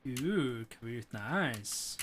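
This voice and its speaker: A Norwegian man with a Norwegian accent chats casually during a speedrun stream, rambling in a laid-back way with plenty of fillers. He speaks very slowly in an expressive, slightly bright, medium-pitched voice, with slight background noise.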